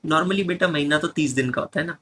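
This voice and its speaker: A man's voice: on the high side, brisk, fairly bright tone. A man teaching a live online class, joking and bantering with students as he mixes Hindi and English.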